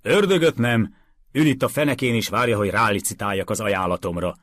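A man's voice: fairly low pitch, big pitch swings, dry recording, clean studio sound, pitched above the performer's own voice. A man reading aloud, voicing a blustering, pushy wealthy man in a storybook. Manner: loud, insistent, bullying.

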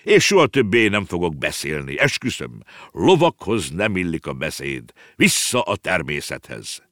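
A man's voice: deep voice, big pitch swings, a bit bright, no room sound, clean studio sound. A man voicing a polite, lovestruck male circus horse in a children's storybook, courteous and hesitant. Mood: earnest. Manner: courteous, hesitant, then earnest.

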